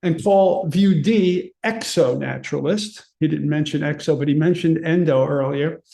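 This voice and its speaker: Higher-voiced man reading his paper. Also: normal speed, creaky, mellow. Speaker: conference presenter. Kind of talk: reading a prepared paper aloud.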